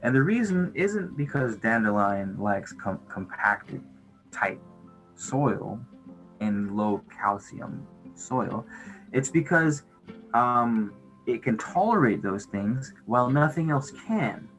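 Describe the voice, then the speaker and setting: A man's voice: mid-range voice, big pitch swings, slow pace, fairly bright tone, rough recording. A man with a mid-range voice talks off the cuff as a livestream host. His delivery is laid-back stoner chat, full of slang and casual swearing. Music plays behind him. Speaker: livestream host chatting with viewers.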